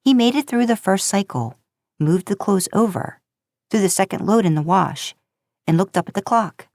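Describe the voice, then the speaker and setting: A woman with a medium-pitched, slightly mellow voice narrates a story in audiobook style as a podcast host, with lively intonation and a moderate pace. The recording is studio quality with no room sound.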